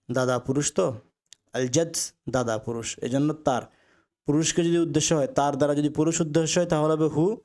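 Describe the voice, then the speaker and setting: A Bengali-speaking man teaching Arabic grammar, reading out phrases slowly and repeating each with its translation. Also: on the high side, a little mellow. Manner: slow drilled repetition with translations. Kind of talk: recorded language lesson.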